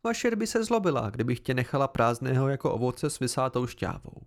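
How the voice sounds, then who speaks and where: A man voicing a playful, teasing young warrior woman in an audiobook, raising his voice for her. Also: sing-song. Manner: amused and teasing, raised pitch.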